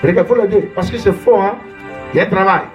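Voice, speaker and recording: High-voiced prophet preaching over music. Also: male voice, quick pace, highs cut off. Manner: emphatic, repetitive call-and-response, exclaiming Alléluia.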